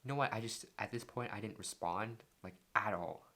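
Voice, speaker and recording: A young male vlogger with a fairly low, pushed and bright voice tells a story at a moderate pace. He keeps it loose and jokey, reads text messages aloud, and leans on the word "like" constantly.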